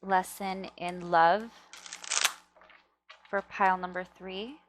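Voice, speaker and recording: A woman's voice: fairly low pitch, steady tone, takes it slowly, noisy background. A woman hosting a casual pick-a-card reading, chatting to viewers and often checking in, with slightly thick-tongued, stumbling articulation. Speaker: tarot reader and video host.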